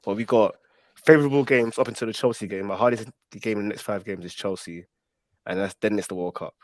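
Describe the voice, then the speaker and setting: A young man, an Arsenal fan, in a casual football chat, talking in a quick, emphatic way. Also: on the low side, dry recording.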